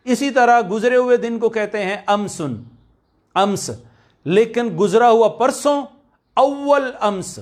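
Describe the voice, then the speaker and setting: A man teaching a recorded language lecture, repeating key words slowly and drawn out for drill. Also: very high voice.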